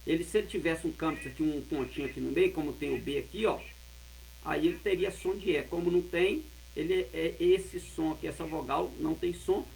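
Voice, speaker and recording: A man teaching a lesson, explaining and repeating words slowly and carefully. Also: fairly high pitch, creaky, darkish tone, slight background noise, rough recording. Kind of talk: explaining Hebrew words of a Bible verse.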